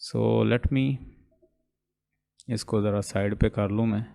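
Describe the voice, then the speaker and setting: A man teaching an online phonetics lesson, explaining step by step and slowly drawing out example sounds. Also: on the low side, fairly even intonation, gravelly, dark tone. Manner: slow, explaining step by step, mixing English terms into speech; repeats and drawls out example sounds. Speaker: English linguistics teacher. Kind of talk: online lecture.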